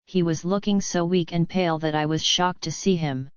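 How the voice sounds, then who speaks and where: A woman narrating a story in a steady, even reading voice. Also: fairly low pitch, normal speed, clear, resonant tone, dry recording, muffled recording.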